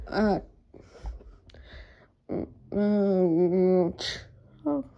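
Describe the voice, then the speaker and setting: A woman's voice: medium pitch, expressive, extremely slow, highs cut off. A woman improvising a fan story and voicing several characters. She talks hesitantly and often drops into a whisper. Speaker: plush toy video performer.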